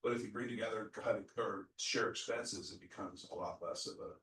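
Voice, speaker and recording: A man on a discussion panel, speaking conversationally and giving practical tips with quick asides. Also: fairly low pitch, fairly bright tone, slight background noise. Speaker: real estate agent panelist. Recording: echoey room, mic at a distance.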